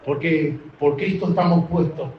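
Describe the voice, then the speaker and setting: A man preaching a sermon as pastor, with fervent delivery that moves from quiet low passages to shouted exhortation. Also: steady tone, normal speed, reverberant, muffled recording, slight background noise. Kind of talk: impassioned sermon.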